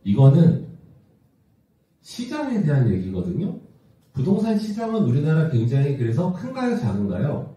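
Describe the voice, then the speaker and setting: A company executive from South Korea, roughly fifty, presents to an audience in a big indoor venue in a conversational style, often asking rhetorical questions. His fairly high, dark voice makes huge pitch swings at a moderate pace broken by long pauses. The audio is muffled and echoey, distant from the mic.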